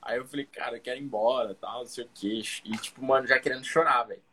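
Husky young man telling a slangy story. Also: mid-range voice, quick pace. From Cuiabá, Brazil. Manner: slangy, animated storyteller who acts out the other people in his story. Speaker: guest comedian. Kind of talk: casual storytelling.

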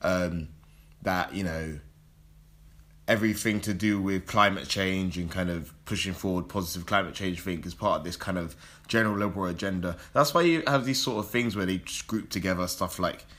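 Low-voiced young man, slangy. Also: normal speed. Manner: animated, opinionated, slangy and sweary. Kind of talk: casual chat, debate.

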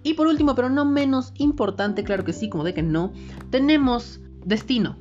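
A woman's voice: on the high side, animated, normal speed, darkish tone. A woman host presenting recommendations in a semi-scripted, chatty and emphatic way, with informal asides. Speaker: host recommending movies and series. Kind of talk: casual scripted review, listing recommendations. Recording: dull lo-fi audio with background music. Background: music.

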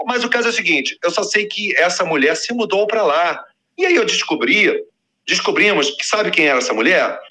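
Guy ranting a story, slangy and lively, bright voice. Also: high-pitched, brisk. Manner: animated, slangy, acts out quoted voices. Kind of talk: casual storytelling monologue.

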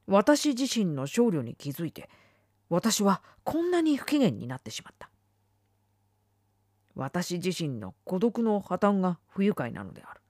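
Slow, lively-voiced woman reading literature. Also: medium pitch, no echo, clean studio sound. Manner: dramatic, swings between firm declarations and hushed whispers. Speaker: reader.

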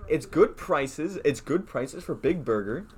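A man's voice: fairly high pitch, measured pace. A teenage boy hosting a casual podcast, chatting playfully with friends about food spots. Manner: playful, animated when arguing. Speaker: podcast host. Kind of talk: casual chat.

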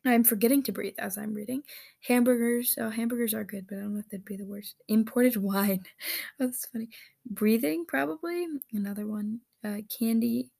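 A woman vlogging on her own, reading answers aloud and reacting with giggles and quick asides. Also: on the high side, gravelly, dark tone. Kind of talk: casual solo chat.

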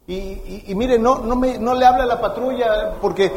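A man voicing a frightened young boy who pleads in a rush. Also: very high voice. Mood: pleading. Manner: pleading, rushed.

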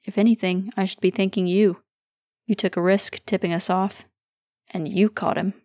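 A woman's voice: medium pitch, fairly even intonation, normal speed, darkish tone, no room sound, studio quality, lightly acted. A woman voicing a guarded, weary male investigator who talks bluntly.

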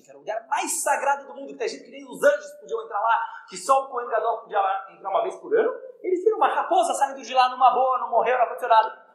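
A male rabbi leads a class, his high voice leaping up and down as he quizzes the room. He talks quickly, and the recording rings with the echo of the hall. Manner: animated, questions the listeners. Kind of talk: lively religious lesson. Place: room with a live audience. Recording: echoey room.

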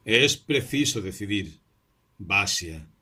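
A man's voice: lowish voice, lively intonation, slow pace, pushed and bright, breathy edge, full character voice. A man voicing a distraught young clerk who pleads with his sick friend, his speech urgent and pleading.

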